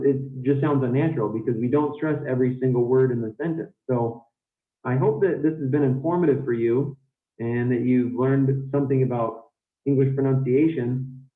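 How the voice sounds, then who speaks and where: A man's voice: mid-range voice, reverberant, phone-quality sound. A man teaching English pronunciation in an online lesson, explaining and repeating example sentences to show stress.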